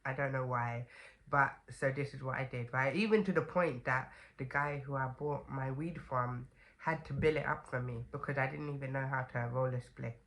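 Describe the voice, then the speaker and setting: A young woman vlogger with a bass, slightly bright voice sounds stuffy and congested from a cold. Speaking at normal speed, she chats casually to camera with lots of fillers and "okay?" asides.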